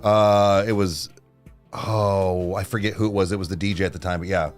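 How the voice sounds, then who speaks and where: A man's voice: deep voice, level tone, normal speed, faint music behind. Blunt, cussing man on a live stream. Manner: blunt and loose, swears freely. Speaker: co-host. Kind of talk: casual live-stream chat.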